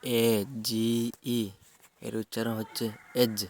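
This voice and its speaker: Slow, flat-voiced man teaching vocabulary. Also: medium pitch, creaky, slight background noise. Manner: slow, even, measured spelling out of letters. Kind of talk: spelling out English words and reading Bengali meanings.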